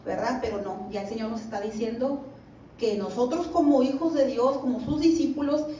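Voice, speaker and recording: A high-pitched woman teaches a Bible lesson in a church hall. She reads scripture at a slow, careful pace and keeps checking in with her listeners. The recording is roomy, picked up from a distance with faint noise behind her. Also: warm tone. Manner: reads scripture slowly, asks the listeners "¿verdad?". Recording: echoey room, mic at a distance, faint background noise.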